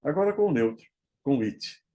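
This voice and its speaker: A man teaching English grammar, modeling English phrases slowly and checking in with frequent "ok?". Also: medium pitch, big pitch swings, mellow. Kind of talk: explaining English grammar to Portuguese speakers.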